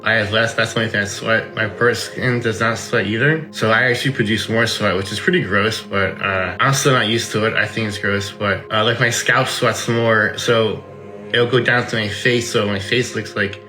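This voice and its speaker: Bright-voiced man with numb-lipped, impeded articulation. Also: lowish voice, steady tone, moderate pace, faint music behind, poor audio. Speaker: interviewee, transplant patient. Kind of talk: casual explanatory talk.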